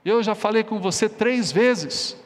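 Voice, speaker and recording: A man's voice: high voice, a little fast, close to an everyday voice. A man voicing an exasperated father harshly scolding his stubborn son in a sermon story. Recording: long church reverb.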